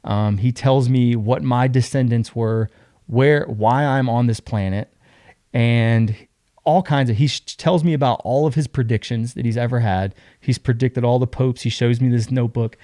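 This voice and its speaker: A young man telling a story casually as a podcast guest, acting out other people's lines in an animated way. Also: medium pitch, normal speed, no room sound, studio quality.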